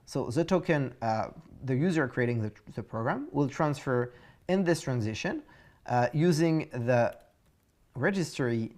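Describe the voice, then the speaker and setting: A man with a French accent teaches a programming course. He explains the assignment step by step, pausing often with fillers and restarting his sentences. His pitch sits in a middling range for a man. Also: darkish tone. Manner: halting, many fillers and restarts. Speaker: course instructor.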